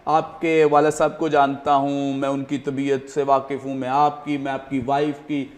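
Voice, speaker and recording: A man's voice: mid-range voice, completely flat delivery. A man hosting a studio talk show, explaining earnestly and often using fillers. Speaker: host.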